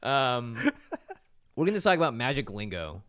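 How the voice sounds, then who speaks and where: A male podcast host chatting casually at an ordinary pitch. He has a playful, joking way of talking, recorded dry and close with no room sound. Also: very animated, normal speed, fairly bright tone, no room sound. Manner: playful, jokey. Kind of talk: casual chat.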